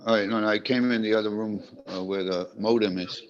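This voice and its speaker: Guy w a low growly gravelly voice, rambly casual comments, dull internet call audio. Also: fairly even intonation, brisk. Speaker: class participant. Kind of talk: casual spoken comment and question.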